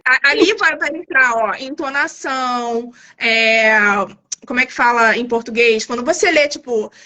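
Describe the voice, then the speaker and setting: A woman's voice: a little high, normal speed, bright, forceful tone. A woman guest on a live stream, explaining an exam in a chatty way, often tagging her sentences with little questions. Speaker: guest, TOEIC course creator.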